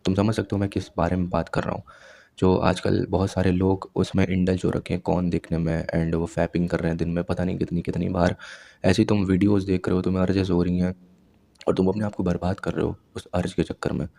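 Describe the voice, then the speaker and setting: A man's voice: deep voice, level tone, quick pace, vocal fry, warm tone. A man in his twenties giving blunt self-improvement advice straight to his viewers, lecturing them directly. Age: 20s. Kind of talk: advice monologue to camera.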